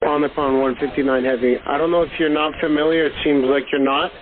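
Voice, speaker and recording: A man's voice: a little high, fairly even intonation, quick pace, narrow, tinny audio. A man with an American accent working as an air traffic controller, giving blunt, clipped, lecturing instructions over aviation radio.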